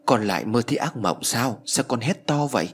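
A man's voice: mid-range voice, animated, fairly quick, slightly rough. A man voicing an older village mother-in-law in a spoken ghost story, motherly and commanding.

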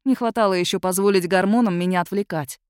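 A woman's voice: medium pitch, quick pace, darkish tone, clean tone, no echo, clean studio sound. Woman with a wry storytelling voice. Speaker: audiobook narrator. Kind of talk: first-person audiobook narration.

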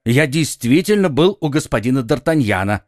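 A man's voice: big pitch swings, moderate pace, a little mellow, dry recording, clean studio sound, lightly acted. A man voicing a frightened, pleading middle-aged shopkeeper in an audiobook reading. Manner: high, anxious, exclaiming pleas.

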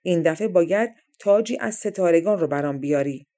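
A woman's voice: lowish voice, lively intonation, warm tone. A woman reading aloud as a grumbling, greedy male giant who guards a crown. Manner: grumbling, demanding.

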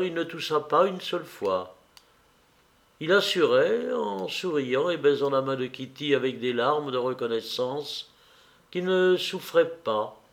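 Slow, measured male audiobook reader. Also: fairly high pitch. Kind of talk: novel reading.

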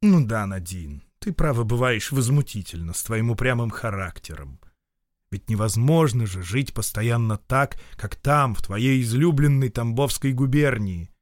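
A man's voice: mid-range voice, lively intonation, normal speed, no echo, studio quality, natural voice. A man playing an irritable, domineering official husband who lectures in a peevish, insistent way. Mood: peevish, lecturing.

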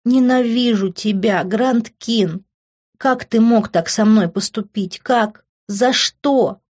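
A woman voicing a hurt, furious teenage girl who shouts through tears. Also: a little high, slow pace, muffled recording. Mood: tearful.

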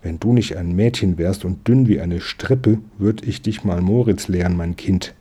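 A man's voice: deep voice, normal speed, dark tone, breathy edge. A man reading aloud, voicing an eager, stubborn young boy in a storybook. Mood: insistent. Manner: eager and insistent.

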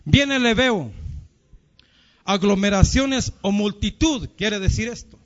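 Pastor guy preaching, high lively voice, kinda dull lo-fi recording. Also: slow pace. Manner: animated storytelling, addresses congregation as brothers. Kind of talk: sermon.

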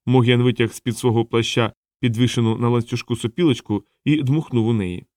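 A man reads a novel aloud in an even, steady storytelling manner. His voice sits in a middle register. The recording is dry, with no room sound. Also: mid-range voice, a little fast, dry recording. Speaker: audiobook narrator. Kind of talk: scripted narration.

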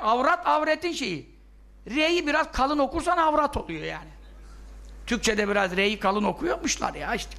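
Male religious teacher, very high, bright voice; scolds and answers his own questions. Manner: scolding, fires rhetorical questions and answers them. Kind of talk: religious lesson talk.

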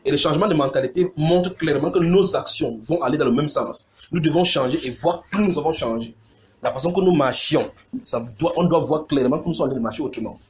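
Preacher, male, fairly high-pitched, animated sermon delivery with sound imitations, faint noise. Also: fast talker. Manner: animated, mimics sounds and gestures, calls out to the congregation.

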